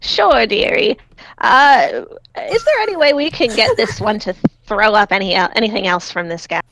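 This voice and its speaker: A woman voicing a kindly old goblin woman with a doting manner, high and lifted, in a tabletop game. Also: expressive, normal speed, background noise. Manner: sweet, doting.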